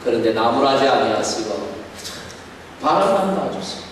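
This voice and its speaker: A man, a pastor, preaching an earnest sermon with gentle storytelling and sudden emphatic rises. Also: mid-range voice, big pitch swings, moderate pace. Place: church sanctuary. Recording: echoey hall, distant mic, faint noise.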